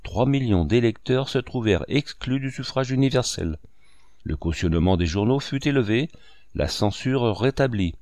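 A man narrating a classic novel in a measured, expressive reading. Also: mid-range voice, dry recording, clean studio sound. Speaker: audiobook narrator.

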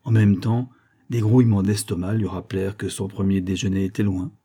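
A man reading a novel aloud in a measured storytelling manner. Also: low-pitched, level tone, warm tone, slightly rough. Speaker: audiobook reader. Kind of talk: literary narration.

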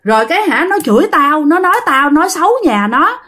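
A woman's voice: high voice, sing-song, fairly quick, bright, forceful tone, voice pushed up, full character voice. A woman with a Southern Vietnamese accent voicing an old village shopkeeper woman who stammers in fright. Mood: agitated. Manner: stammering, breathless exclamations.

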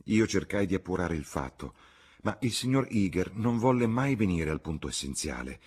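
Man voicing a young woman, outspoken, indignant, high, husky, storybook reading. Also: sing-song, moderate pace, a little mellow, exaggerated voice. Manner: heated, emphatic.

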